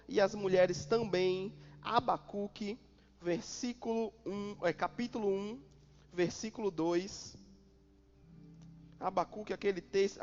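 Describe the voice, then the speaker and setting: A male pastor with a Brazilian accent preaches in a high voice, stacking repeated phrases and landing them with sudden force. The sound is dull and muffled. A long reverb trails each line across the church hall. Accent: Brazilian Portuguese. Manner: preaching with repetition and sudden loud emphasis. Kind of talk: sermon.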